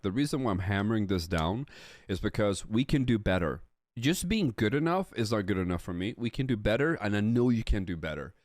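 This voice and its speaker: A man's voice: fairly low pitch, a little mellow, no echo, clean studio sound. Guy coaching a gamer on stream, super nitpicky, swears a lot, voice jumps all over. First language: Swedish. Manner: blunt, nitpicky, profane, talks to chat. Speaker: game coach reviewing a player's replay.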